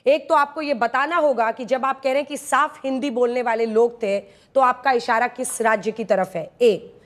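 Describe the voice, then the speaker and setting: A woman news anchor moderating a heated TV debate, pressing a panelist and cutting in with sharp questions. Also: fairly high pitch, fairly even intonation, normal speed.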